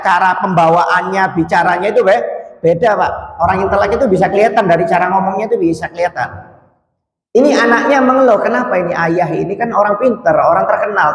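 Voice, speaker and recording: A man preaching a sermon in storytelling style, quoting the people in his story in lower and higher voices. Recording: echoey hall with long reverb.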